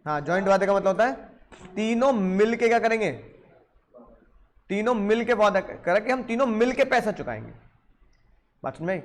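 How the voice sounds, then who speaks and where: Brief: middle-aged Indian male law teacher, higher voice, lively storytelling lecture style. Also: moderate pace, long pauses. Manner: animated storytelling with film examples, asks students questions.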